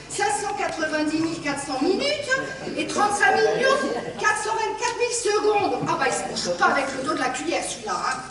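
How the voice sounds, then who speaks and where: A woman's voice: very high voice, far from the mic. An actress on stage playing a breathless, brash woman taxi driver who rattles off exact numbers. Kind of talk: amateur stage play. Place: theatre stage. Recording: echoey hall miked from afar, background noise.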